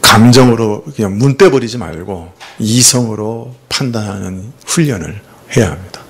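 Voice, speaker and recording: A man's voice: lowish voice, normal speed, breathy edge. A man preaching a sermon as pastor in a conversational way, drawing the congregation in with rhetorical questions and using himself as the example. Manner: confessional, uses himself as the example.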